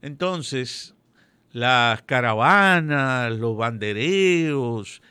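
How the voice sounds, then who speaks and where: A man giving political commentary on a radio show, measured and prone to correcting himself. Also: medium pitch, expressive, bright, forceful tone, smooth, no echo. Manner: measured, digressive, self-correcting.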